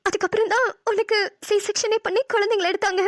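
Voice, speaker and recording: Fields: Sex: female performer. Figure: a woman voicing a calm, caring middle-aged mother in a cartoon. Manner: soothing. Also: very high voice, fast talker, no room sound, clean studio sound. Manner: soothing, reassuring.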